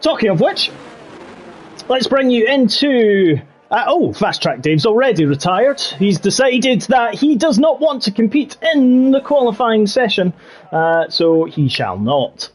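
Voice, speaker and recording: A man's voice: sits high, sing-song, unhurried. A man hosting and commentating a sim racing league stream, playful and showman-like with rambling asides. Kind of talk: live-stream race commentary.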